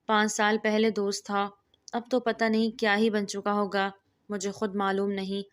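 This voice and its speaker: A woman's voice: medium pitch, monotone, close to an everyday voice. A woman voicing a sorrowful young woman uncertain of her arranged marriage in a read-aloud story. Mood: sad. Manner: sorrowful, resigned.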